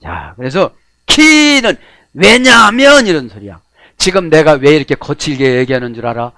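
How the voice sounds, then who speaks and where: Middle-aged male pastor, lively sermon delivery, slightly high voice, close and dry. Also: moderate pace, dry recording. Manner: animated preaching in a folksy tone, acting out prayers and shouts.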